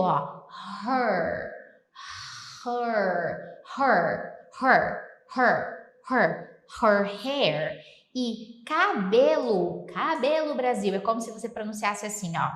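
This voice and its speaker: Brazilian woman teacher, higher voice, echoey room, patient lyric walkthrough. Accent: Brazilian Portuguese. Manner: explains slowly, repeats English phrases for pronunciation. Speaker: English teacher. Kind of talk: explaining song lyrics to learners.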